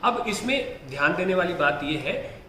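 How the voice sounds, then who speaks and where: A man's voice: high voice, animated, a little slow, bright, forceful tone, reverberant, a little hiss or hum. A man teaching Hindi exam prep, who asks rhetorical questions, answers them himself and keeps checking in with his students.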